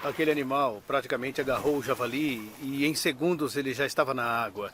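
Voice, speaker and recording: A man's voice: medium pitch, brisk, a bit bright, lightly acted. An actor voicing a crocodilian researcher, a man speaking in a dubbed nature documentary. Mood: impressed. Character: male crocodilian researcher, cautious and impressed. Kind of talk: dubbed nature documentary interview and field commentary. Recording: noisy, outdoor ambience behind.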